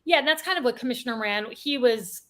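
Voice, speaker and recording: A woman's voice: on the high side, expressive, fast talker, a bit bright. A woman co-hosting a local-politics podcast, talking casually with frequent "like" and trailing "I don't know.". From United States. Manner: chatty, lots of "like" and "I don't know". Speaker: podcast co-host.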